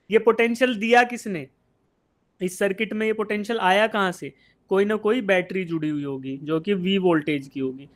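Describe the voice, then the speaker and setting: Teaching physics to an online class preparing for exams, this Indian man has a rather high-pitched voice. He explains gradually, poses questions he then answers on his own, and often says "beta" to his students, with the technical parts coming out.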